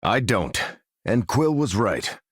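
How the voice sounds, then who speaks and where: A man's voice: lowish voice, big pitch swings, slow, no echo, studio quality, exaggerated voice. An American man playing Captain America, a stalwart veteran soldier hero and earnest, commanding leader in a video game. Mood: earnest, measured. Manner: earnest, commanding, military phrasing. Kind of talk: video game character voice lines.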